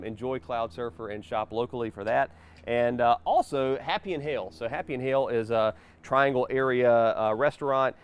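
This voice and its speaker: A man's voice: medium pitch, slight background noise. A man hosting a casual interview show, recorded outdoors in a backyard.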